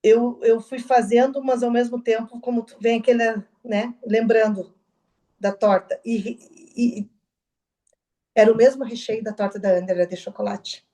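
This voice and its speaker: Middle-aged woman, interview guest; mellow, faintly high voice, halting testimony. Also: steady tone. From southern Brazil. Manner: halting, soft-spoken, with restarts and quoted dialogue. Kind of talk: personal testimony.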